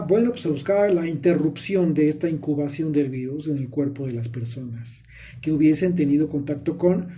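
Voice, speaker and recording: A man's voice: fairly high pitch, warm tone, slight background noise. A man teaching a Bible study, reading scripture aloud and explaining it, often restarting his phrases.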